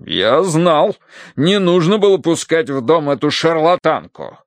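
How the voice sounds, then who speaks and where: A man voicing a gruff, irritable old Victorian colonel who barks orders in an audiobook. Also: on the high side, sing-song, normal speed, no room sound, pitched above the performer's own voice. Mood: gruff, barking. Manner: barking, grumbling.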